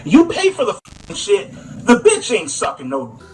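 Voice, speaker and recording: A man's voice: high voice, wildly swooping pitch, measured pace, soft background music, rough recording. A man ranting profanely to camera in a vlog clip, heated and blunt. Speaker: vlogger in a clip. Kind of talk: rant to camera.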